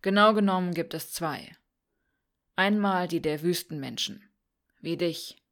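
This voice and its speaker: A wry, cynical young man speaks in a calm, dry tone, as a woman narrator reads him. The voice sits a little low. It is an audiobook reading. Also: a little slow.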